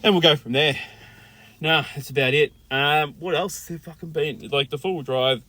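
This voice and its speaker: A man's voice: on the high side, fairly even intonation, normal speed, pushed and bright. A man with an Australian accent hosting a casual chat, loose and jokey, swearing constantly. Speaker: host.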